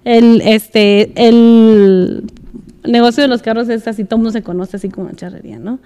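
Woman guest, chatty storyteller, fairly high voice, long room reverb. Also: moderate pace, clean tone. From United States. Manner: lively, laughs often, mixes English words. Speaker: podcast guest, escaramuza rider. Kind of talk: casual storytelling chat.

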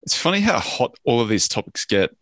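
A man's voice: mid-range voice, big pitch swings, brisk, a bit bright, dry recording. A man co-hosting a finance podcast, talking bluntly and rambling with restarts. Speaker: podcast co-host. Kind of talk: casual finance podcast chat.

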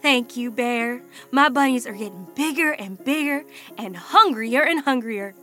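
A clever, hardworking mother rabbit from a children's radio story. Her voice sits high and bright, with lively rises and falls at an unhurried pace. The recording is dry, with faint music underneath. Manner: cheerful, brisk, matter-of-fact.

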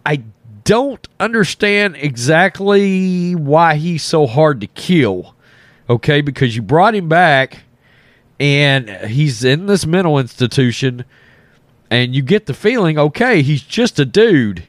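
A man's voice: on the high side, lively intonation, slow pace, dry recording. A man giving casual, blunt reaction commentary as a host, his voice thick from a cold and a sore, swollen throat. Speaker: host of a film reaction channel.

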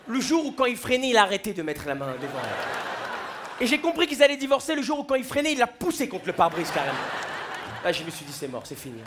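A man's voice: extremely high pitch, big pitch swings, fast talker, background noise. A young man doing a stand-up routine on a festival stage, acting out the people in his stories in quoted voices. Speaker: stand-up comedian. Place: large comedy festival stage. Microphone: stage microphone.

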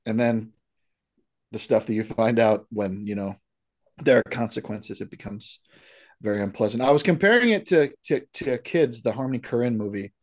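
A man's voice: mid-range voice, moderate pace. A man co-hosting a casual movie podcast, talking with enthusiasm and frequent restarts. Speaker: podcast co-host. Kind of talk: casual movie recap chat.

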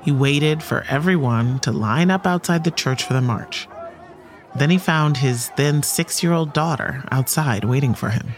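A man narrating a documentary podcast in a measured, scripted storytelling voice. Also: mid-range voice, a little hiss or hum.

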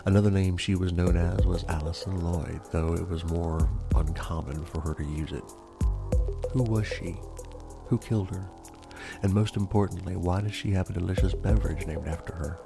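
A man's voice: deep voice, steady tone, moderate pace, vocal fry. A man narrating true crime as a podcast host in an ASMR style, with theatrical, formal storyteller phrasing. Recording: faint music behind the voice. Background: faint music.

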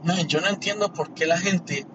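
Man, fairly high voice, rambling and earnest, distant muffled mic outdoors, loud traffic behind. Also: normal speed. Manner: rambling, repeats words, earnest and indignant. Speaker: commentator sharing opinions. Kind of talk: casual monologue.

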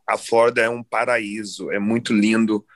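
A young man from Brazil, a guest on a podcast, chatting in a relaxed, rambling way. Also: lowish voice, normal speed, no room sound. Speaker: podcast guest, jiu-jitsu athlete. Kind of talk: casual chat.

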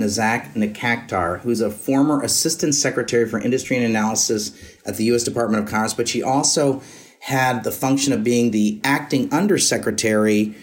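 A man hosting an interview podcast, giving admiring introductions to his guest. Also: mid-range voice. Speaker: podcast host.

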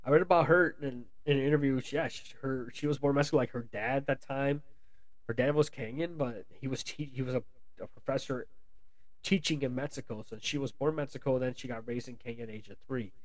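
An American man talks through a film he just saw, in a loose and rambling way, circling back and restarting his sentences. His voice sits in an ordinary middle pitch. The recording is close and dry. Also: a little fast, no room sound. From United States. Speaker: movie reviewer. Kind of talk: casual spoken film review.

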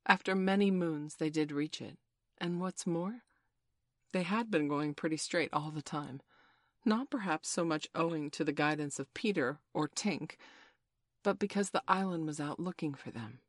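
A woman narrating a children's storybook in a measured, expressive reading voice. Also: low-pitched, no room sound, studio quality. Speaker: audiobook narrator.

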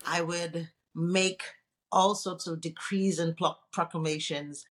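A woman with a low voice, originally from Nigeria, talking as a guest on an interview show. She tells her story in a relaxed, chatty way and laughs easily. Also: slow pace. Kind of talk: casual interview conversation.

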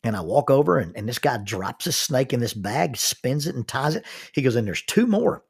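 A man telling a folksy story in a sermon, unhurried and full of restarts. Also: mid-range voice, expressive, vocal fry, breathy edge.

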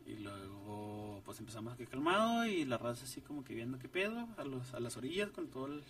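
A young ska band musician from Ciudad Juárez, Mexico, appears as a guest and tells a story in casual, slangy chat, animatedly acting out the voices of the people in it. His voice is medium-pitched and brisk, picked up by a distant mic with faint noise.

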